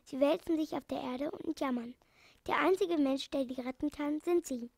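An urgent little swallow from a children's story, begging for help in a pleading voice, as a woman reads her part. High and slightly gravelly, recorded close and dry. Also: moderate pace, a little mellow, dry recording.

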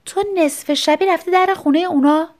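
A woman voicing a brash, impatient young housemate who speaks loudly and scolds. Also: extremely high pitch, voice pushed up. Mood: urgent.

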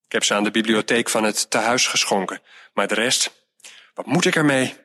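A man reading a storybook aloud and voicing a fretful middle-aged mother who sighs and scolds as she clears out her late mother's room. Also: on the low side, normal speed, bright, forceful tone. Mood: weary. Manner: exasperated, sighing, scolding.

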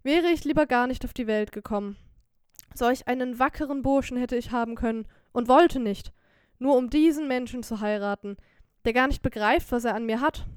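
A woman voicing a young, poor, quick-witted wife in an audiobook, scolding loudly and lamenting theatrically. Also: a little high, clean tone, dry recording, clean studio sound, lightly acted. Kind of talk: audiobook character voice.

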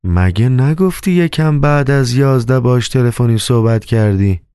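A man doing a flustered, shouting theater manager. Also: mid-range voice, animated, smooth, no room sound, studio quality, voice pushed up, lightly acted. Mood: agitated. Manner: exclaiming, agitated. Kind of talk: audiobook character voice.

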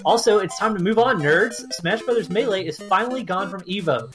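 A man co-hosting a podcast, reading a gaming news rundown in a deadpan voice full of sarcastic asides. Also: sits high, fairly quick, faint music behind.

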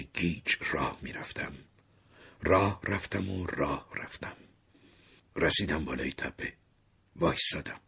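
A man narrating a dark first-person story in a theatrical way, sinking to whispers and rising in sudden bursts. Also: a bass voice. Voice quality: very husky.

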